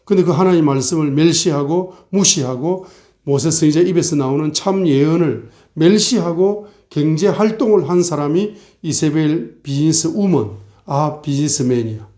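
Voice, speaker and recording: Man preaching a sermon in a mellow voice. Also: on the high side, moderate pace. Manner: asks the congregation rhetorical questions; acts out mocking and complaining voices. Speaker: pastor.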